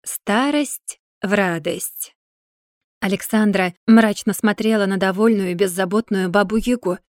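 A woman's voice: medium pitch, measured pace, dry recording. Woman narrating a story, dry close sound. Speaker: audiobook narrator. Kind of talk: scripted narration.

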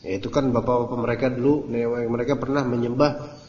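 Animated man teaching in an echoey hall. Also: mid-range voice, fast. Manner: casual, animated, acts out quotes and jokes. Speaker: Islamic teacher. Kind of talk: Quran commentary class. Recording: roomy echoey lecture recording, dull lo-fi.

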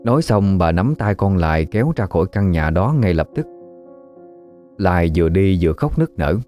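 A man tells a ghost story in a low, mellow voice. His delivery is measured and steady, with faint music under it. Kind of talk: scripted narration.

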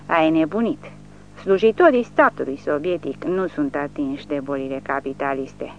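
A reader voicing a drunk, bullying man who is a Soviet village official, shouting insults in an audiobook. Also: on the high side, lo-fi sound, a little hiss or hum, natural voice. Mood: ranting.

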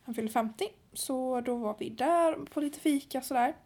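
Young female co-host with a fairly high voice, relaxed and halting chat. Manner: hesitant, with many fillers and pauses. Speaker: podcast co-host. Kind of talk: casual chat.

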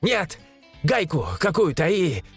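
A man's voice: high voice, takes it slowly, slightly rough, soft background music, full character voice. A man playing a jumpy young private. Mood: excited. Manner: shouting, excitable.

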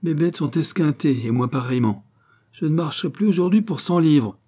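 A man voicing a rough, blunt male cab driver who bellows coarse remarks in a storybook reading. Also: fairly high pitch, animated, a little fast, mellow, pitched above the performer's own voice. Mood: mocking.

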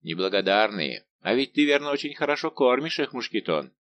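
A man's voice: mid-range voice, very animated, brisk, fairly bright tone, dull audio. A man voicing a bold, cheerful male musketeer who banters and exclaims, in an audiobook. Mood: hearty. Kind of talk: audiobook character voice.

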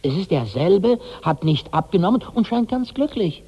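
A nervous guy asking questions, gravelly raspy dark voice, lively pitch, old radio play. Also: moderate pace, big-room sound, muffled recording, exaggerated voice. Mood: uneasy. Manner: anxious, probing questions. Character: Amran, uneasy questioning man. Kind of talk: 1960s radio drama acting.

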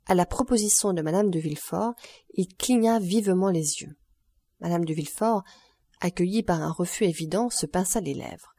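A woman narrates a literary audiobook in a calm, even, measured way. Her voice sits low with a mellow warmth, and the close recording is dry with no room sound. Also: husky, dry recording. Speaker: audiobook reader.

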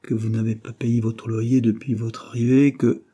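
A man's voice: medium pitch, little pitch movement, moderate pace, dark tone, breathy edge, close to an everyday voice. A man reading aloud plays a coldly polite rent collector who speaks formally and firmly. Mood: stern.

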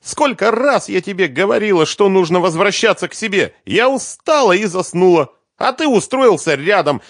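A man's voice: high voice, moderate pace, no echo, clean studio sound, voice pushed up, close to an everyday voice. A man voicing a hysterical young woman singer who shrieks, sobs and scolds in an audiobook. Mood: scolding. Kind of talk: audiobook character voice.

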